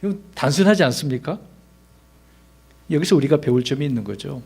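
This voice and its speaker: A man's voice: a little high, animated, brisk, gravelly, a little mellow, breathy edge. A man, a pastor, preaching a sermon in a conversational way, asking his congregation rhetorical questions and acting out the lines he quotes.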